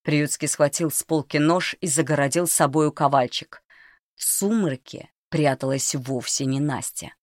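A woman narrating a dark novel in a quiet, tense reading voice. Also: low-pitched, measured pace, dry recording, studio quality. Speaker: audiobook narrator. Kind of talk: scripted narration.

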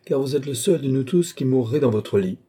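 A man voicing a composed, mysterious sorcerer count who delivers prophecies calmly. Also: medium pitch, brisk, husky, voice pushed up. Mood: knowing.

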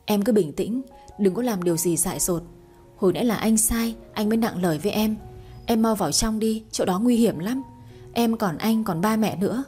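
A woman's voice: medium pitch, normal speed, warm tone, faint music behind, lightly acted. A woman voicing a firm but patient young man in a read-aloud romance story. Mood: coaxing.

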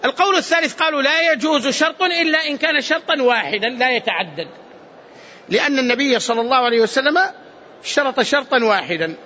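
High sharp-voiced sheikh teaching hadith in a mosque, keeps repeating himself, checks everyone's following, muffled recording. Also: male voice, expressive, quick pace, a little hiss or hum. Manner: explanatory, repeats key phrases, asks students if understood.

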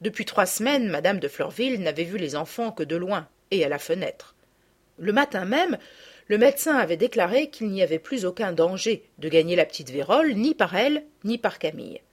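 A woman narrating a classic children's story aloud in an expressive reading style. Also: mid-range voice, a little fast, husky. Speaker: audiobook narrator.

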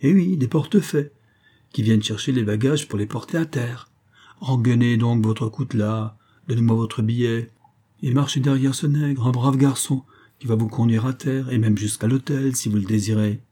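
A man voicing a gruff southern sea captain, blustering and exasperated. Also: mid-range voice, moderate pace, dark tone, natural voice.

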